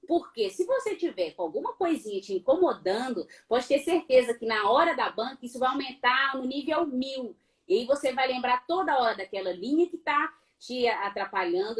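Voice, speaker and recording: A middle-aged Brazilian woman who speaks with a Brazilian Portuguese accent and teaches law, coaching her audience in a live online talk. She sits a little high in pitch and keeps things animated. She asks herself rhetorical questions and playfully mimics sounds. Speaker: law professor.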